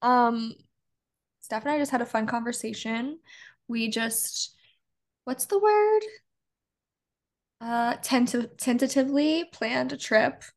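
Creaky, higher-voiced woman with Chicago accent. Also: slow pace, pauses often. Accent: Chicago, Midwestern vowels. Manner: informal, frequent "like". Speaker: podcast co-host. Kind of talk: casual podcast chat.

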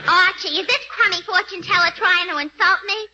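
A woman's voice: extremely high pitch, steady tone, fairly quick, pushed and bright, full character voice. An actress playing a brash, touchy, man-hungry young woman in a 1940s radio comedy, with an affected manner. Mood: indignant. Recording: muffled old radio broadcast, faint noise.

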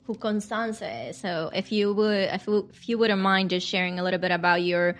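A woman hosting a faith podcast, asking her guest questions in a halting, chatty way with many fillers. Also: medium pitch, steady tone. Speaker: podcast host. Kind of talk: casual interview.

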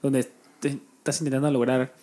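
A man co-hosting a podcast, talking in a relaxed, thoughtful way and laughing easily. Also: mid-range voice, moderate pace. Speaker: podcast co-host. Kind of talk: casual chat.

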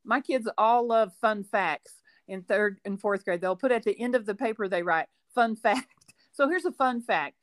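A woman's voice: medium pitch, normal speed, a little hiss or hum. Rambling, story-telling woman teacher. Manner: warm storytelling, rambling asides, laughs often. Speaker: podcast co-host, schoolteacher. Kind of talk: casual book chat.

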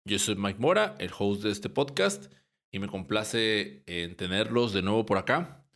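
A man's voice: lowish voice, a little slow. Man hosting a podcast. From Mexico. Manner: relaxed, rambling with frequent restarts and short laughs. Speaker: podcast host. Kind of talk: casual podcast intro and interview.

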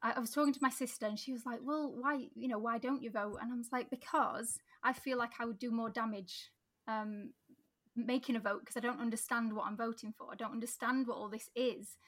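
A woman's voice: a little high, steady tone, a little fast, a bit bright. A woman with a Yorkshire accent, a political candidate, talking conversationally in an interview and laughing often. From Sheffield, England. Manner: chatty, laughs often, frequent restarts.

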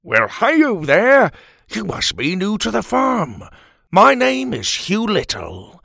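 A man's voice: high-pitched, wildly swooping pitch, slow, creaky, fairly bright tone, dry recording, studio quality, voice pushed up, heavily acted. A man voicing a cheerful, naive tiny father who greets everyone in a chirpy, overly friendly way.

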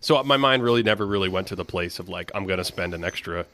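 A man hosting a sports podcast, talking in a thoughtful, measured way with some fillers. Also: sits low, a bit bright. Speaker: podcast host. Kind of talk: casual chat.

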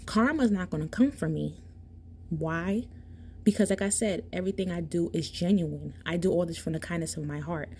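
A woman's voice: on the low side, moderate pace, warm tone, a little hiss or hum. A woman hosting a podcast, talking in a casual, emphatic monologue straight to her listeners. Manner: emphatic, impassioned, addresses listeners directly. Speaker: podcast host.

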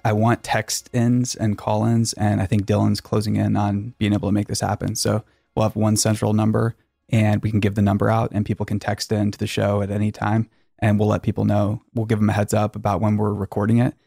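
A man's voice: fairly low pitch, monotone, a little fast, vocal fry, mellow, no room sound. A man hosting a casual podcast in a garage, talking in a rambling, jokey way with dry sarcasm. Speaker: podcast host.

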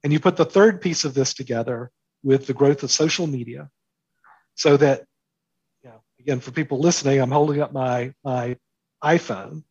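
A man with a mid-range, darkish, somewhat breathy voice appears as an interview guest, an author and commentator. He explains his ideas emphatically, deliberately repeating phrases for stress. The recording is muffled with no room sound.

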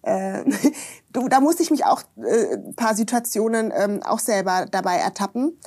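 A woman guest on a podcast, chatting casually and telling lively stories that act out what people said. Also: medium pitch, moderate pace. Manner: lively storyteller, acts out quoted dialogue, frequent tag questions.

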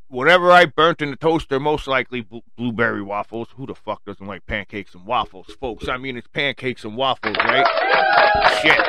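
Here a Long Island, New York man with a strong local accent hosts a podcast solo, rambling casually to listeners in a blunt, profane, slangy way. His pitch is medium, and there's noise in the background.

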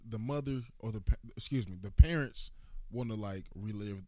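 A man's voice: fairly low pitch, moderate pace, darkish tone, no echo. A man co-hosting a casual podcast debate, blunt and profane, repeating himself insistently in slangy, bro-heavy talk. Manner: insistent, repeats phrases for emphasis. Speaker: podcast co-host.

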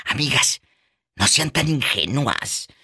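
A woman's voice: very animated, slow pace, sharp tone, husky. A woman hosting a playful radio call-in show, teasing and motherly with callers. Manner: teasing, motherly, bursts into high laughter.

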